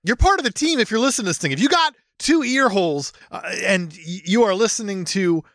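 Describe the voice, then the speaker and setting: A man with a bright, forceful voice that swings widely in pitch, recorded dry and close. He co-hosts a casual movie podcast, joking and swearing as he gushes like a devoted fan. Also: lively intonation, fairly quick, dry recording. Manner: swearing, hyperbolic fan enthusiasm. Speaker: podcast co-host.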